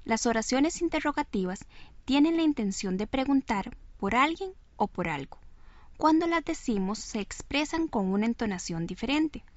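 A woman presenting a scripted radio lesson, speaking clearly and deliberately to demonstrate intonation. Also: a little high, expressive, no room sound. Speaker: radio teacher. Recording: dull lo-fi recording.

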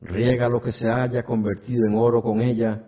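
A man voicing a mysterious, slow disembodied voice in a radio story, on a dull lo-fi recording. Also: mid-range voice, flat delivery, natural voice. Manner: slow, hushed, drawn-out.

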